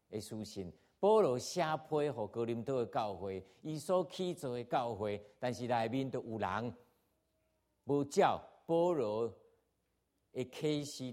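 A man's voice: mid-range voice, a little mellow. A man from Taiwan with a Taiwanese accent, preaching a sermon and reading scripture aloud, earnest and emphatic, his emphasis rising and falling as he teaches. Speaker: pastor.

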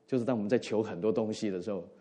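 A middle-aged man preaching a sermon in an earnest way, swinging between emphatic rises and soft drops and slipping in English words. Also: on the low side, racing, husky. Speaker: pastor.

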